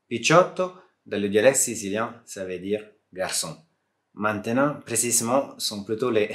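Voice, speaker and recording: This tech YouTuber from Italy talks to the camera in French, which isn't his first language, and his Italian accent shows. He has a lowish, fairly bright voice and keeps things friendly and jokey, pausing now and then to hesitate.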